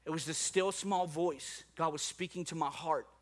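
A man's voice: on the high side, fairly even intonation, moderate pace. A man from New Orleans preaching a sermon as a pastor, with rhetorical questions and repetition. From New Orleans, USA.

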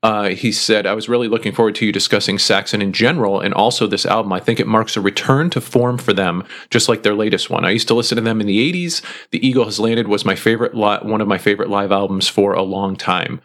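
A male podcast co-host with a lowish voice reads listener feedback aloud in a casual, chatty way. He's an easygoing reader, relaxed and pausing often, with plenty of "uh"s as he goes through the comments.

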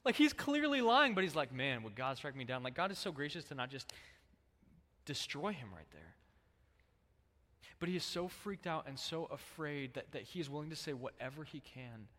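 A man preaching a sermon to a congregation. He talks in a relaxed, chatty way and jumps into animated voices when he quotes people. His voice rings out with a long hall reverb. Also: fairly high pitch, normal speed. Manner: casual, conversational preaching with lively acted-out quotes. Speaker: pastor.

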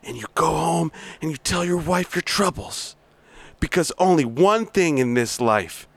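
This amateur scene reading has a man playing a foul-mouthed, abusive sales boss yelling at his staff, occasionally fumbling the script. His voice is somewhat high and pushed up, expressive and a little slow, with no echo.

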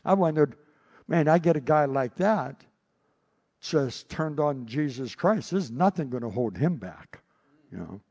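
A male pastor preaching a sermon, telling stories with animated delivery and frequent repeated words. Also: on the high side, measured pace, slightly rough.

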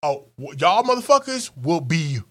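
Animated, profane man telling raunchy stories. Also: on the high side, moderate pace. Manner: profane, animated storytelling with acted-out voices. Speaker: podcast co-host. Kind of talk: raunchy comedic banter.

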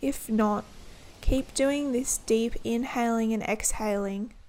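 A woman leading a guided body-scan meditation in a gentle, soothing manner, giving instructions in short, unhurried phrases. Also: a little high.

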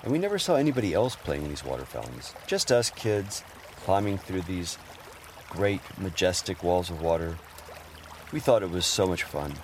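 Deep-voiced man telling family stories. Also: big pitch swings, normal speed, slight background noise. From Houston, Texas area. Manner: fond, gently humorous storytelling. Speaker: narrator. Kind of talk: personal memoir narration.

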